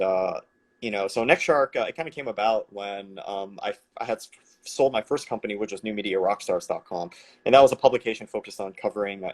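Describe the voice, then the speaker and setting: A man in his thirties from the San Francisco Bay Area answers questions over a video call. His voice sits a little low, and he rambles casually, full of "you know", "like" and false starts. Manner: rambling, with many fillers and restarts. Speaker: guest, company founder.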